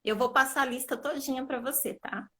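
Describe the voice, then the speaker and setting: Woman educator, fairly high voice, patient and explanatory, video call. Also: steady tone, brisk, a crowd in the background. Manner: patient, explanatory, checks understanding often. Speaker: literacy educator. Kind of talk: live video call lesson.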